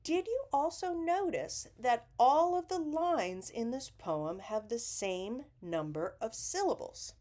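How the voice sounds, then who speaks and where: Woman, teacher, poetry lesson, unhurried, animated intonation, patient. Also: a little high. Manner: slow, patient, with deliberate emphasis.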